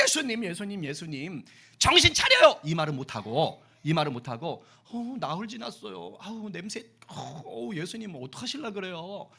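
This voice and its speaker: A male pastor preaching a children's sermon in a playful way, quizzing and teasing the kids as he goes. His voice sits fairly high and bounces around with lively expression. It has a bright, crisp edge. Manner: playful, questions and teases the children.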